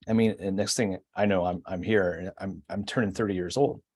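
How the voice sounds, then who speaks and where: A man in his forties, a guest on a podcast, reflecting on his past in casual conversation. His voice is rather low and husky. He pauses, restarts and fills gaps as he thinks aloud. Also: dark tone. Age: 40s. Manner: reflective, hesitant, many fillers. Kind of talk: casual storytelling.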